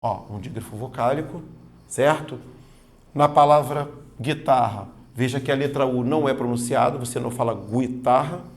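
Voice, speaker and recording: Male teacher with some fry, casual, chatty, addresses the student directly. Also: medium pitch, moderate pace. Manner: informal, slangy, talks straight to the student. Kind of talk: exam-prep grammar lesson.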